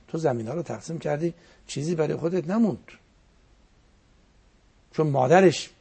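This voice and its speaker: Man, cleric, reflective religious talk, gravelly voice, very husky, quotes verse. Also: mid-range voice, warm tone.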